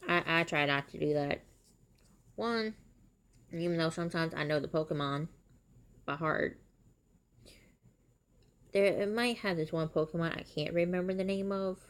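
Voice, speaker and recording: A woman streams herself playing a mobile game, chatting casually and rambling. Her voice sits a little low for a woman, and it jumps up into shocked, animated exclamations.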